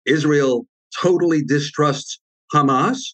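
A man giving long, measured answers as an expert guest, adding frequent asides as he explains. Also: on the high side, fairly bright tone, no echo, rough recording.

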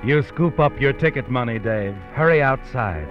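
An actor playing an ominous, all-knowing male narrator of dark tales in a theatrical, insinuating 1940s radio style. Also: mid-range voice, lively intonation, moderate pace, close to an everyday voice. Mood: foreboding. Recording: muffled vintage radio recording, music behind.

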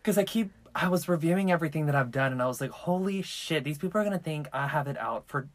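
A man's voice: fairly high pitch, fast. A man co-hosting a podcast, chatty and joking with sassy asides, recorded inside a clothes closet at an apartment with clothes dampening the sound. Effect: recorded inside a clothes closet, muffled by clothes. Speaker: podcast co-host. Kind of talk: casual podcast chat and case storytelling.

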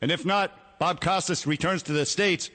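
A rowdy older cardinal , put on by a man, preaches mock prayers in a thick brogue on a comedy radio show. The voice sits high and bright, swinging between sanctimony and insults. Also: moderate pace. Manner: mock-pious, insulting, booming brogue with a catchphrase. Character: crude, irreverent older male Irish cardinal.

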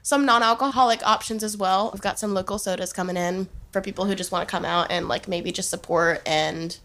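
Woman, chatty podcast guest, bubbly and laughing, mid pitch. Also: steady tone, brisk, fairly bright tone. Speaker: chapter co-chair. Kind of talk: casual podcast chat.

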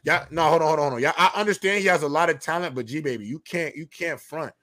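Male sports show host, bright and higher-pitched, loud opinionated ribbing in casual slang. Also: fast talker. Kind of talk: casual heated sports debate.

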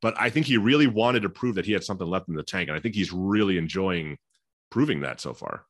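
Fast-talking low-voiced man, dry sound. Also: no echo. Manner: rapid, animated storytelling with quoted voices. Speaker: hockey beat reporter and podcast co-host. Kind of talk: casual sports chat.

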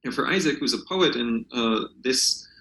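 A literary translator speaks unscripted as an interview guest, his bright, middling-pitched voice carrying lively intonation. He is halting and hesitant, searching for words as he goes, and the recording sounds noticeably roomy.

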